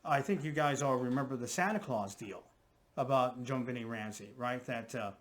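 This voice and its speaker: A man's voice: mid-range voice, normal speed, fairly bright tone. A man, a profiler, talking through his theory in casual conversation and often checking in with "right?" and "okay?". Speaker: guest profiler.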